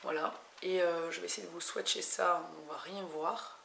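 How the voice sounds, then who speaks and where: A French beauty vlogger chats casually through a haul at home, often hesitating and restarting sentences. Her voice is fairly low with vocal fry, bright and forceful, fairly even in intonation, at a moderate pace. The room is echoey with faint noise.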